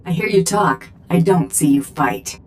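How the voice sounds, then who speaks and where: Tough bounty hunter, video game, cocky, terse, blunt, faint background noise. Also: male voice, on the high side, animated, unhurried.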